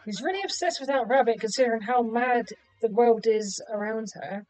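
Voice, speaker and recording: A woman's voice: a little high, fairly quick, darkish tone, no room sound, soft background music, poor audio. A woman giving casual commentary as she hosts a film reaction. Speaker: reaction host.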